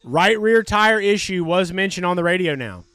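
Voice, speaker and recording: A man hosting a live race stream, giving excitable, profane, jokey commentary. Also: high-pitched, normal speed, clear, resonant tone, no room sound.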